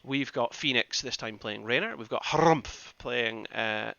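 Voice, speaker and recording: An esports caster and streamer from the Scottish Highlands in northeast Scotland calls a game live with a Scottish accent, rambling conversationally, repeating phrases for emphasis and tossing casual asides to chat. His gravelly voice is a little slow, pushed and bright, with no room sound and the highs cut off.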